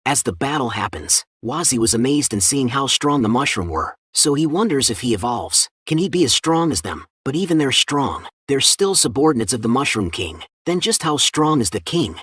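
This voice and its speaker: A man narrating a comic story recap as a steady scripted read-through. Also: mid-range voice, normal speed, hardly any pauses, husky, dry recording, clean studio sound.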